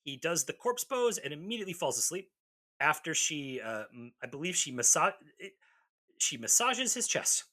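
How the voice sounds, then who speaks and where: Wry, lively-voiced male podcast co-host. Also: on the high side, moderate pace. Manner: wry, joking, lots of fillers and restarts. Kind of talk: casual chat.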